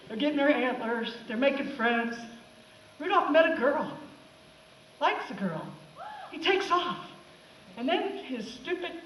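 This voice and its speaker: A woman teacher giving a sarcastic, animated comic talk to students about a film. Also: high-pitched. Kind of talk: comic classroom talk over film clips. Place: classroom. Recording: echoey room, mic far off.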